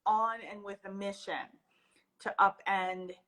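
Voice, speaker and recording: A woman's voice: mid-range voice, fairly even intonation, slow, fairly bright tone, low-quality recording. A woman hosts a livestream interview over a video call. She speaks in an upbeat, effusive way, heaping praise on her guest and steering the conversation along. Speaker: host, community manager.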